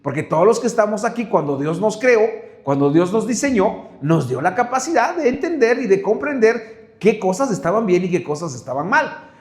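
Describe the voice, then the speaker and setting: A Mexican man preaches a sermon in a fairly high voice, with a Mexican Spanish accent. He drives his points home by stacking rhetorical questions, and his voice rings in an echoey room. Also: sing-song, normal speed. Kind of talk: sermon Bible study.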